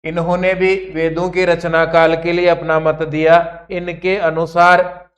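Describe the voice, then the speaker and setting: Male lecturer, exam-prep class, high-ish monotone, deliberate word-by-word repetition. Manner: slow, repeats key terms word by word for dictation. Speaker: Sanskrit teacher.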